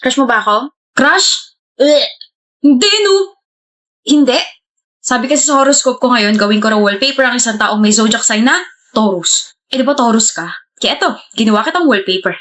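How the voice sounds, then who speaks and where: High-voiced woman in playful skit banter. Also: brisk, a bit bright. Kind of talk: acted comedy skit dialogue.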